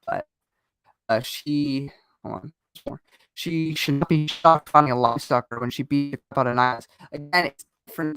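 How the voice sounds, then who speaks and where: A man's voice: on the high side, fairly bright tone, rough recording. A man in casual chat as host of a fan discussion show, talking at length with frequent restarts and digressions.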